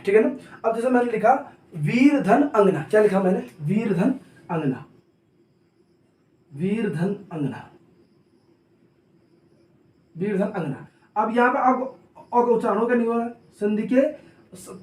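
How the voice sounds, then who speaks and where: A male coaching teacher giving a classroom grammar lesson, repeatedly asking a question and then answering it himself, and noting that he talks hurriedly. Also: high voice. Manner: repetitive call-and-answer questioning. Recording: roomy echo, mic at a distance.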